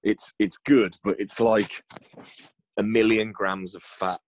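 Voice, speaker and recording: A man's voice: lowish voice, steady tone, slow pace, slight background noise. A man co-hosting a casual podcast, loose and joking, with slangy talk. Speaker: podcast co-host. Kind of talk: casual chat.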